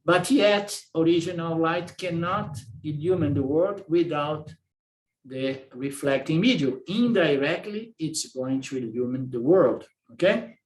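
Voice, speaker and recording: Brazilian-accented male teacher, slightly high voice, repeats himself and checks in often. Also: animated, measured pace, roomy sound. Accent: Brazilian Portuguese. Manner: repeats words, asks "okay?" to check understanding. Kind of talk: lecture on Vedanta philosophy.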